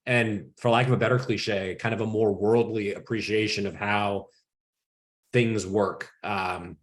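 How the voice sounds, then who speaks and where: A man hosting an interview, reflecting out loud in a halting way with many false starts. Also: lowish voice, steady tone. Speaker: interview host. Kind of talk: conversational interview.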